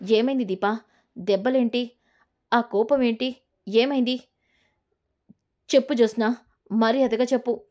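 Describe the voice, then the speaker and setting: A woman's voice: a little high, fairly even intonation, measured pace, long pauses, natural voice. A woman voicing a fierce young mother, desperate and angry about her kidnapped daughter. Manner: angry shouting, commanding.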